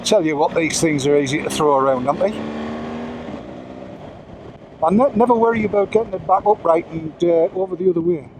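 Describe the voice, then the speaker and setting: A man's voice: fairly high pitch, noisy background. A man chatting casually while riding a motorcycle, rambling with self-mocking asides. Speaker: motorcycle vlogger. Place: outdoors riding a motorcycle on roads.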